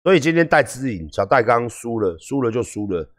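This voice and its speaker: A Taiwanese man with a Taiwanese Mandarin accent ranting on a livestream, profane and heated, swinging between calm lecturing and yelling. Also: mid-range voice, a little fast. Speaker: livestream host. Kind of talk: livestream rant.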